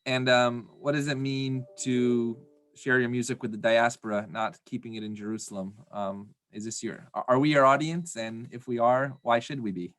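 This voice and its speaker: A man's voice: mid-range voice, steady tone, moderate pace, a bit bright, dry recording. Dry-sounding man interviewing. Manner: friendly, asks long rambling questions. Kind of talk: live online interview.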